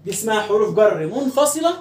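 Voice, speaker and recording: A man who speaks with an Egyptian Arabic accent, teaching an Arabic grammar lesson. He drills words slowly and asks questions that he answers himself. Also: sits high, very animated, darkish tone, echoey room, slight background noise.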